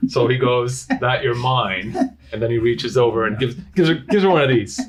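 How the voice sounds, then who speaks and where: A man's voice: medium pitch, animated, fairly quick, rough recording. A man in his thirties co-hosting a podcast, teasing dryly and laughing often. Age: 30s. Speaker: podcast co-host. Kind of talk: casual chat.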